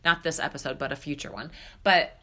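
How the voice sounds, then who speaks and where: This woman in her thirties runs her own podcast as a spiritual coach, talking alone in a low, expressive voice that's brisk and a bit bright. She comes across slightly stuffed up and nasal, casual and candid, leaning heavily on fillers.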